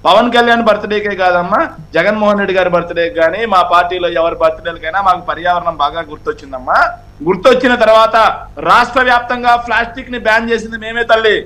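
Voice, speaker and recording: A man's voice: high-pitched, steady tone, quick pace, sharp tone. A man speaking for the ruling party in a heated TV debate, insistent, talking over the others and repeating himself.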